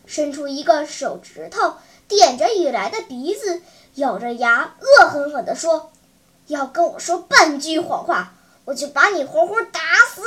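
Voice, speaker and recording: A woman's voice: extremely high pitch, a bit bright. A woman narrating a children's story in a vivid, dramatic storytelling manner. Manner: vivid, dramatic, clear enunciation.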